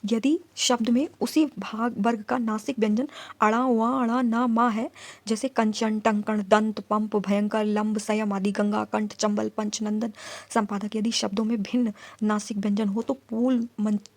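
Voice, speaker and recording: Speaking at a medium pitch in an even tone, a woman teaches grammar for an exam, questioning the class and answering herself. She recites letter sounds one by one in slow lists. The recording is dry.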